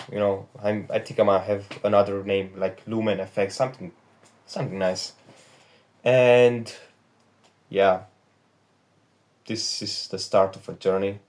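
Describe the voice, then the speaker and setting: Young man, Romanian accent, native Romanian speaker, fairly low voice, candid and profane, confessional vlog, phone camera in bedroom. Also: a little mellow. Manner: candid, rambling, profane, self-critical. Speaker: trading vlogger. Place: his bedroom. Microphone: phone back camera.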